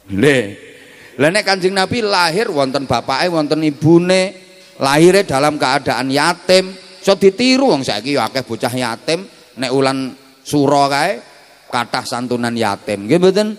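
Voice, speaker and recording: A man with a Javanese accent preaches in a fairly high voice, joking and quizzing his listeners. His voice rings out with a long hall reverb around it. The pace moves between slow stretches and quick asides. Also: lively intonation. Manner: jokey, mixes Javanese and Indonesian, quizzes the audience. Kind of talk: humorous religious sermon.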